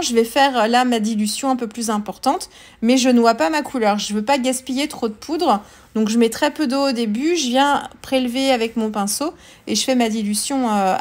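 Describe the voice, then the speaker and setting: Brief: woman, craft tutorial host, chatty and hesitant, a bit high. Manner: chatty, hesitant, many fillers and restarts. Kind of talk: casual craft tutorial voice-over.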